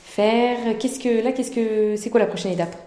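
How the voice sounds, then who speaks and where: A woman's voice: a little high, steady tone, moderate pace, mellow. A woman journalist asks conversational interview questions, her voice echoing in a bare room like a warehouse. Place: echoing indoor room in a care home. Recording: echoey, resounding room.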